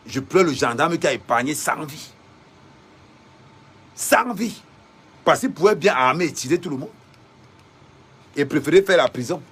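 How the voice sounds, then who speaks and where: Woman, husky voice, fiery defiant rant, repeated rhetorical questions. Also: low voice, expressive, normal speed, pauses often, a bit bright. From Cameroon. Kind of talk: impassioned political rant to viewers.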